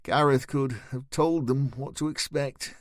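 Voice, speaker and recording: A man reading a fantasy novel aloud in a measured, steady storytelling manner. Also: medium pitch, no room sound, clean studio sound. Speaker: audiobook narrator. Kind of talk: scripted audiobook narration.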